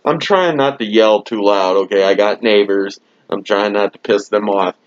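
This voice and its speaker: A man's voice: fairly low pitch, moderate pace, highs cut off. A man giving a profane, exasperated rant as a wrestling show reviewer, recorded at home. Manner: exasperated, swears constantly, mocking laughs. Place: home room.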